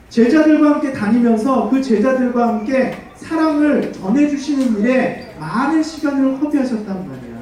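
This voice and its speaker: A man giving a children's sermon as pastor, animated and full of questions for the kids, leading them in call-and-response. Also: extremely high pitch. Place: church hall. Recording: echoey church hall, far from mic.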